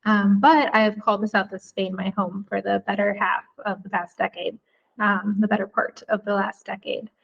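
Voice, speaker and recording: A woman from the Chicago area, a guest author, speaks reflectively and warmly in a podcast interview, with occasional ums. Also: mid-range voice, fairly even intonation, moderate pace, gravelly, highs cut off. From United States, Chicago area.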